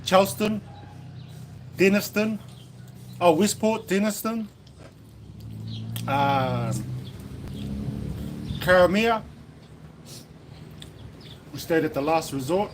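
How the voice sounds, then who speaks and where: A chatty New Zealand man with a high voice hosts a relaxed lunchtime livestream. He rambles easily, full of fillers and restarts. A faint hum of noise sits behind him. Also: takes it slowly, pauses often. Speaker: livestream host. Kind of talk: casual livestream chat. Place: indoors at a lunch table in the Philippines.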